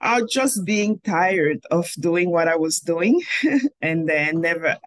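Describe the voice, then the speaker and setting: Speaking slowly in a lowish, animated voice, a woman in her forties from Cameroon appears as a filmmaker guest on a video call interview. There's no echo. She answers thoughtfully and frequently reworks her sentences midway.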